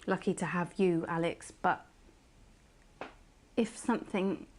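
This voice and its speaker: A woman voicing a posh female TV news anchor in a game, smooth on air but awkward and pleading underneath. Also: fairly low pitch, fairly even intonation, slow pace, darkish tone, a little hiss or hum. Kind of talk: scripted game voice acting.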